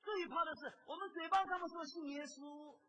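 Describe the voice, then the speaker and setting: A preacher delivering a sermon, emphatic and full of rhetorical questions, swinging between loud exclamations and quiet asides. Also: extremely high pitch, a little fast, low-quality recording.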